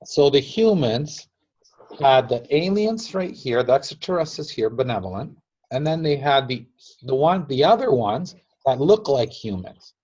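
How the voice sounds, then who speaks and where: A man casually explaining a story in slow, emphatic phrases that trail off softly. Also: mid-range voice, sing-song, dull audio.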